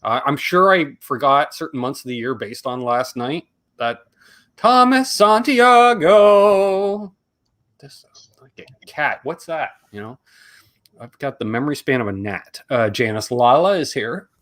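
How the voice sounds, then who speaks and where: With a medium-pitched, expressive and slightly bright voice, a middle-aged man speaks a little slowly while hosting a casual live stream. He has a Canadian accent and rambles and cracks jokes as he reads out names. His voice is going, and he coughs.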